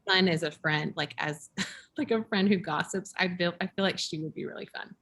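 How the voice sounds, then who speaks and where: A woman who buys books for a shop, chatting over a video call in an animated way with quoted asides. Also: fairly low pitch, normal speed. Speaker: bookshop book buyer. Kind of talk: casual book chat over video call.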